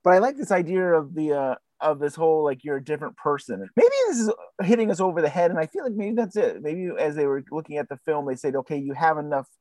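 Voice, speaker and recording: A woman's voice: deep voice, fast talker, hardly any pauses, mellow, no room sound. A woman in casual discussion of a script.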